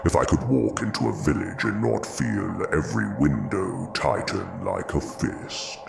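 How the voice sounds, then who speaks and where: A man playing Frankenstein's monster, a bitter, grieving, philosophical creature, in an audio drama with slow, brooding, gravelly speech. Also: big pitch swings, music in the background, heavily acted. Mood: wounded, yearning. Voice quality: deep, gravelly. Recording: clearly noisy background ambience.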